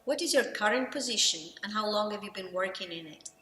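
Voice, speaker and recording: A woman interviewer asking brisk, direct questions. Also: mid-range voice, animated, sharp tone. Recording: echoey hall, faint background noise.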